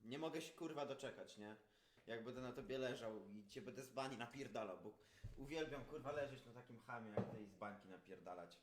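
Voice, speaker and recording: A man's voice: medium pitch, fairly quick, noisy background. Mocking man in an echoey room. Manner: mocking, taunting, swearing. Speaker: livestreamer and fighter. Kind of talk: confrontational livestream banter. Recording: roomy, echoing livestream sound.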